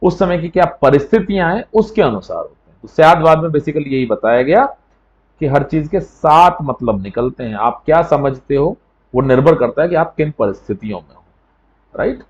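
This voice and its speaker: Lively male coaching teacher, lo-fi sound. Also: a little high, moderate pace. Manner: conversational, often adds checks like "right?". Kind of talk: explanatory classroom lecture.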